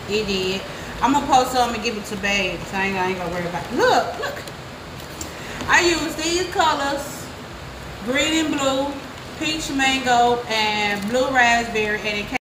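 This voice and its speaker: Filming a casual cooking vlog at home, a young woman speaks straight to her audience in a slightly high voice. The phone she holds at arm's length captures an echoey kitchen and lots of surrounding noise.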